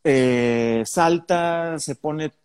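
A man's voice: on the high side, very slow, darkish tone, clear, resonant tone. A man with a Mexican accent co-hosting a casual podcast, explaining points and often agreeing with "exactamente". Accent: Mexican Spanish. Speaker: podcast co-host.

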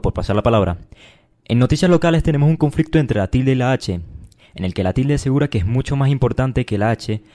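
A young man, slowly reading a grammar lesson dressed up as a news report. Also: mid-range voice, mellow. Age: young adult. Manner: slow, deliberate reading. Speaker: mock reporter.

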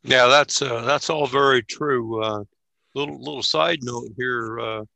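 Older male guest with a heavily gravelly, bright voice in a dry room, a halting, reflective storyteller. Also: mid-range voice, no room sound. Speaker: guest, Navy veteran. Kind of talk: casual conversation and storytelling.

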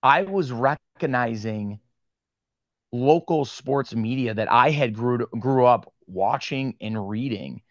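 Guest spot: young Western New York man, animated storyteller, dry close sound, a bit muffled. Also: mid-range voice, dry recording. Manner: animated storyteller, quick asides. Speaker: podcast guest, sports card media host. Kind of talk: casual interview chat.

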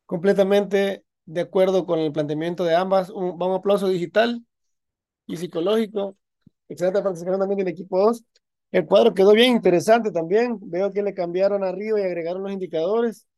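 A man's voice: high-pitched, fairly even intonation, fairly quick, mellow. A man teaching an online class, explaining concepts in an encouraging way, with frequent restarts. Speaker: university instructor.

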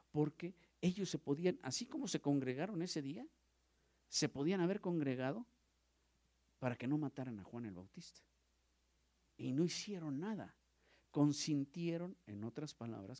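Animated male pastor teaching. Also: medium pitch, dry recording. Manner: animated, acts out quotes with sudden loud rises and soft near-whispers; asks the audience questions, repeats words. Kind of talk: Bible study teaching.

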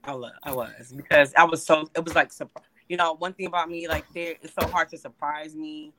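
A woman's voice: deep voice, fairly even intonation, brisk, crowd noise. A middle-aged woman talking casually as an interview guest over a video call, her audio breaking up and cutting off word endings while she rambles and restarts her sentences. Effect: choppy video-call audio, cutting out mid-word. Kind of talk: casual chat.

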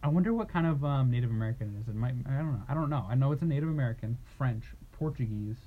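A man's voice: mid-range voice, animated, racing. A man co-hosting a casual podcast chat, rambling with many restarts and casual swearing. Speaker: podcast co-host. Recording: dull lo-fi sound with faint noise.

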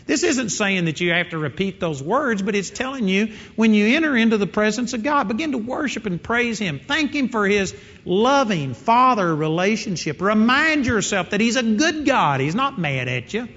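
A man's voice: sits high, animated, moderate pace, hardly any pauses, a bit bright. A man preaching a sermon in an earnest, emphatic way, repeating his key phrases. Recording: dull sound in a reverberant hall.

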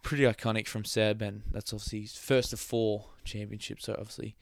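A man's voice: lowish voice, little pitch movement, fairly quick, vocal fry, no room sound. A young man hosting a casual motorsport podcast, chatty, laughing often and trailing off mid-thought. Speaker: podcast host.

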